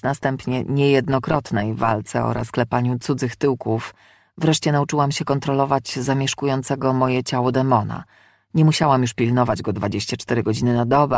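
A woman narrating a first-person fantasy novel, steady and wry in her telling. Her voice carries a gravelly grain, recorded close and completely dry. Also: a bass voice, no room sound. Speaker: audiobook narrator.

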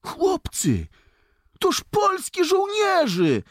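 Dońka, a man putting on a shrill stammering peasant lad. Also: huge pitch swings, very slow, no room sound, studio quality, exaggerated voice. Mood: overjoyed.

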